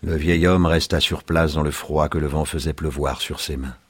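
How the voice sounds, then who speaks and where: A man narrating a story in a calm, measured audiobook reading. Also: rumbling low, slightly rough, no room sound.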